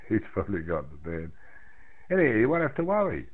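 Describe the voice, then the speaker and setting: A non-American amateur radio operator chats with friends in a blunt, folksy, rambling way, his slightly rough, lowish voice swinging widely in pitch at a moderate pace. He's heard through a radio microphone over an internet link, giving a narrow, tinny, phone-like sound.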